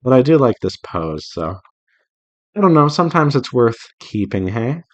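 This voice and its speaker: His medium-pitched voice is very animated, moves at a normal speed, and has its highs cut off. As a visual novel developer hosting a draw-along devlog, he rambles casually to viewers while drawing and reassures himself as he thinks aloud.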